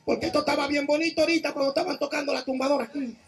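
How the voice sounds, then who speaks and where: A man preaching a fervent Pentecostal sermon, shouting exhortations and calling out praise again and again. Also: extremely high pitch, fairly even intonation, rapid-fire, soft background music.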